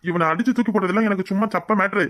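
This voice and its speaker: A man's voice: high voice, very fast, a bit bright. A man voicing a smug, fair-skinned young rival in a cartoon, taunting and sneering, with a Kanyakumari Tamil accent. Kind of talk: cartoon voice acting.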